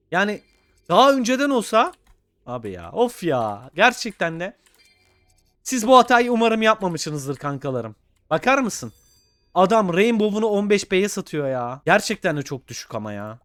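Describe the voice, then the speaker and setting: A young man commenting on his own gameplay, pleading with the game and swinging between low muttering and loud shouts. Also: dry recording. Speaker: gaming YouTuber.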